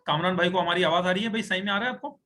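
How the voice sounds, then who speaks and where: A man teaching Arabic grammar in an online class, his voice pitched high and bright. He explains patiently, step by step, while writing notes for the students. A faint hiss of noise sits under the call.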